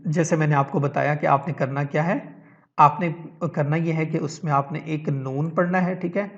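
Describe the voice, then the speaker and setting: A man with a slightly high voice teaches a reading lesson, explaining each step slowly. He mixes English words into his talk and checks in with his listeners as he goes. The recording sounds dull and lo-fi. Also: fairly even intonation. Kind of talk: online tajweed lesson.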